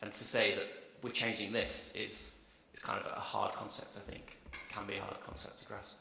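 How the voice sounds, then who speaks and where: Male conference speaker, low and gravelly, halting answers, recorded in a roomy lecture hall. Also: little pitch movement, pushed and bright, slight background noise. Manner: hesitant, many fillers and restarts. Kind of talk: Q&A answers after a talk.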